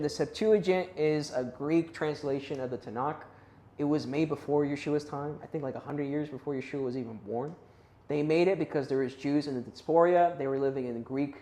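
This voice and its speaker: A man's voice: a little high, darkish tone. Man teaching a Bible class in an echoey room. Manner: conversational, checks in with the class, unsure of Hebrew and Greek pronunciations. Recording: roomy echo.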